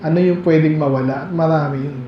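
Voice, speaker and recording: Male Filipino pastor, high-pitched voice, conversational sermon, reads old scripture, dull muffled sound. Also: steady tone, fast talker, roomy sound, noisy background. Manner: conversational preaching with rhetorical questions, reads King James verses aloud. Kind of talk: Baptist sermon, Bible study. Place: church hall.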